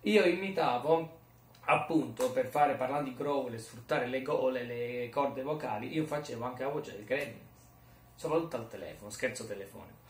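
A man's voice: mid-range voice, moderate pace, a little hiss or hum. Rambling, jokey male vlogger. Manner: rambling, jokey, self-mocking. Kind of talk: casual chat. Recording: roomy echo, mic far off.

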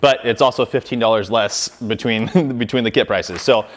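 A man's voice: medium pitch, moderate pace. A man in his thirties hosting a car detailing channel, talking casually through a product comparison with lots of fillers, recorded in a garage workshop on a lapel mic. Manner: conversational, filler-heavy, demonstrative with hands.

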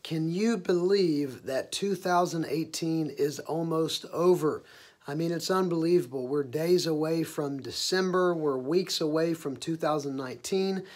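A man with a hoarse voice giving upbeat weekend service announcements as a church leader, with frequent "uh" fillers. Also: a little high. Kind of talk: casual spoken announcements.

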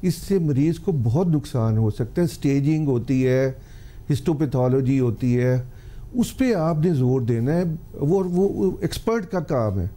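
An older man speaks in a very dark, mellow voice as a medical guest in a TV studio. He explains treatment in an earnest tone and pleads with viewers to trust experts. His pitch sits in an ordinary middle range. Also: expressive, unhurried. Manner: earnest, pleading advice to the public. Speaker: cancer specialist guest. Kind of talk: TV health talk show interview.

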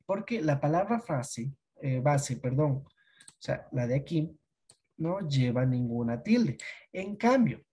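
Patient, soft-toned teacher explaining grammar. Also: mid-range voice, husky. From Ecuador. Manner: explains patiently, asks checking questions. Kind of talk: online class lesson.

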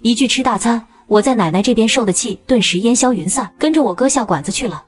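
A woman narrating a cartoon story in a brisk, dramatic storytelling way. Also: a little high, expressive.

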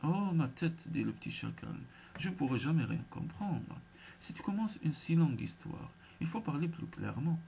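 A man's voice: fairly high pitch, very animated, normal speed, creaky, warm tone, slight background noise, pitched above the performer's own voice. A man doing a sly little jackal. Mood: mock-confused. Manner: distracted, playfully obtuse. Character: small sly male jackal, feigning slowness.

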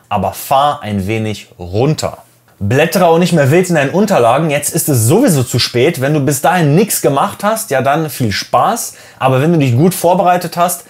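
A man who teaches English, giving direct, encouraging tips for an oral exam in a lesson video. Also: mid-range voice.

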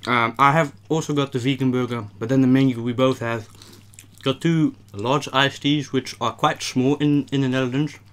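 A man's voice: mid-range voice, steady tone, normal speed, fairly bright tone, clean tone. Laid-back young man chatting in an attic. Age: young adult. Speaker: host. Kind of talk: casual mukbang chat. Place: small warm attic room, indoors.

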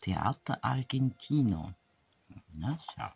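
A woman talks slowly and gravelly, musing to herself as she reads small labels aloud, often dropping to a half-whisper. Faint music plays under her voice. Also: extremely low pitch, animated. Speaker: craft vlogger opening an advent calendar. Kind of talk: casual unboxing chat. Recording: soft background music.

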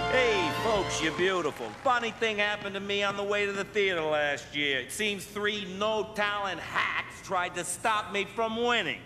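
An actor voicing a manic, theatrical male clown supervillain in an animated series, giggling and swinging from purrs to shrieks. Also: high voice, unhurried. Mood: gloating mania. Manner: giggling, sing-song, swings from purring to shrieking. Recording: loud cartoon soundtrack music under the voice. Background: orchestral score and sound effects.

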